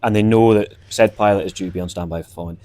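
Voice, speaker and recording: Male host, low-pitched, loose rambling chat style with lots of ums. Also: fairly even intonation, very fast, warm tone, no echo. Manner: rambling, many fillers. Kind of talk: casual chat.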